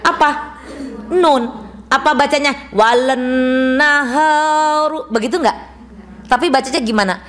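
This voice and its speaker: Her voice is high-pitched and fairly bright. Leading a women's study group in a mosque, she teaches the rules of Quran recitation at a brisk pace, quizzing the class, asking questions and drilling their responses.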